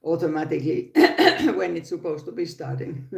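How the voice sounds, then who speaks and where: Broadcasting a relaxed crochet livestream from her phone, this older Finnish host speaks with a Finnish accent, laughs often and frequently restarts sentences. Her low, warm voice has vocal fry and a steady tone at normal speed, and the room is echoey.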